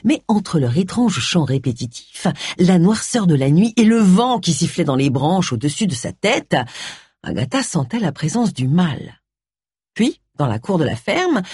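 A woman narrating a mystery novel audiobook with expressive storytelling. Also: lowish voice, husky, no room sound, studio quality.

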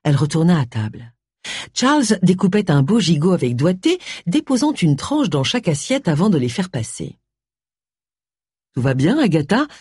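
Expressive audiobook reader, lively delivery. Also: mid-range voice, moderate pace, breathy edge, dry recording, studio quality. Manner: expressive, voices every character. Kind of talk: scripted narration.

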